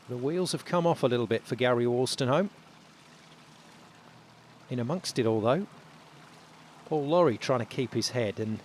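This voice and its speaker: A male golf commentator with a mid-pitched voice calls tournament play in short, dramatic phrases. His delivery is measured as it builds suspense. There is some background ambience and light noise behind him.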